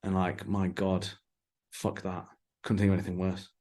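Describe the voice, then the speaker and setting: A man's voice: deep voice, monotone, moderate pace, a little mellow. A man chatting casually on a podcast, blunt and sweary.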